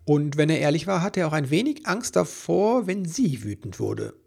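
A man reading a children's story aloud, lively and doing voices for the characters. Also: on the high side, normal speed, vocal fry. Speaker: narrator.

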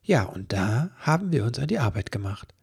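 Man doing a female elf inventor, earnest, explaining, gravelly, husky. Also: medium pitch, big pitch swings, normal speed, exaggerated voice. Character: clever, quick-tempered female elf inventor.

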